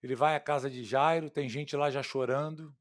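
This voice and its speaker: A man with a Brazilian Portuguese accent preaching an expository sermon, swinging from loud, emphatic lines to hushed, quiet ones and calling his listeners "queridos" and "irmãos". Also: medium pitch, fairly even intonation, moderate pace. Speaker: pastor.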